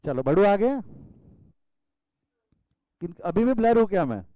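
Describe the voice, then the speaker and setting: A man's voice: high voice, big pitch swings, unhurried, dry recording, muffled recording. A male commerce teacher from India giving an online class lecture over a video call, calling students "beta" and scolding them playfully.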